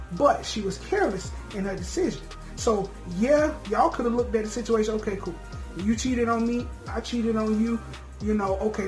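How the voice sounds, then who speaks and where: His voice sits high and is a little mellow as this man, co-hosting a casual chat show, bluntly pushes his views with plenty of profanity. Faint music and a roomy sound come through in the recording.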